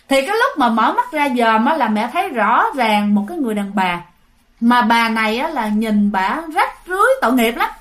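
A woman's voice: high voice, fairly bright tone. A woman telling a ghost story in a chatty way, often turning to her listeners directly. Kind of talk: spoken ghost story narration.

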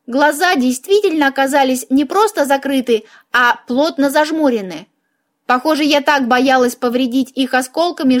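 Woman narrating a comic fantasy audiobook. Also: high voice.

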